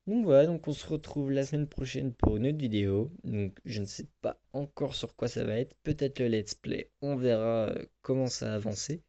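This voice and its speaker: A man talks through a casual screen-recording tutorial in a relaxed, rambling way. He often stops to hesitate and fills the gaps with small filler words. His voice sits at an ordinary middle pitch. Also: normal speed, hardly any pauses, muffled recording. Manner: chatty, rambling, lots of "donc voilà" and hesitations. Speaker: tutorial video host.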